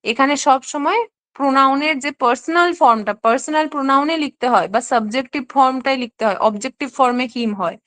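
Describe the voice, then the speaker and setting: Woman, high voice, teacher, online exam-prep lesson, patient step-by-step explaining. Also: fast, a bit bright. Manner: explains step by step, checks in with "ঠিক আছে?".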